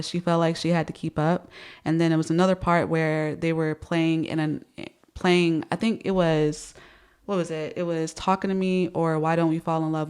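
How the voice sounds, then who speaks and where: A woman's voice: deep voice, a little mellow, smooth. A woman in her thirties giving casual music commentary, speech slightly affected by dental retainers, hesitant and repeating words as she thinks.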